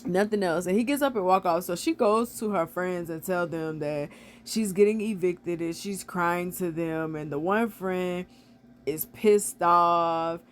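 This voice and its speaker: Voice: medium pitch, measured pace, slight background noise. A movie reviewer retelling a film's plot in a casual, filler-heavy way, with frequent "like" and blunt, opinionated asides. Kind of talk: casual real-time movie recap.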